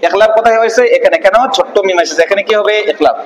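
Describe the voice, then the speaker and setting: A man teaching Quran reading, drilling syllables slowly and asking and answering his own questions. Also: sits high. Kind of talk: spelling-out recitation lesson. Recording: echoey hall reverb.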